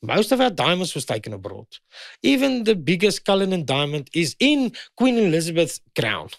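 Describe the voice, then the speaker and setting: A man's voice: a little high, huge pitch swings, moderate pace, gravelly, dry recording, clean studio sound. A South African man in his fifties, a guest in a heated conversation, pressing and repeating his points. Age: 50s.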